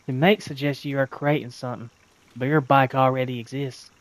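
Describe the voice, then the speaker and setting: A man voicing a serious, throaty female machinist mentor with a Southern accent, speaking calmly and instructively. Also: medium pitch, brisk, close to an everyday voice. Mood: patient, instructive. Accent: American Southern.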